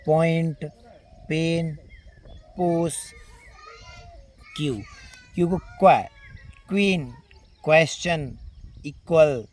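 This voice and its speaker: Male English tutor, Indian Hindi accent, slow drills, fairly high voice, birdsong outside. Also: darkish tone. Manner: slow, drawn-out word-by-word pronunciation drills. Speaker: English teacher. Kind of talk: spoken phonics lesson.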